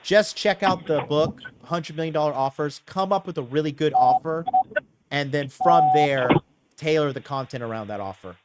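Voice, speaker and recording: A man's voice: a little high, moderate pace, slight background noise. A man in his late thirties hosting a call-in advice show, emphatic and repetitive, often checking in with "okay". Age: 30s. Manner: emphatic, repeats himself, says okay a lot. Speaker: call-in show host and dating coach. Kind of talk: casual call-in advice talk.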